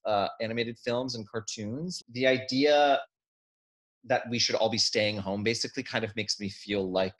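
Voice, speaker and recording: An American man with a fairly low voice talks casually and animatedly, gesturing as he goes. He is on a laptop webcam in a room at home. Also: steady tone, moderate pace. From United States. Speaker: actor. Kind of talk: video call interview.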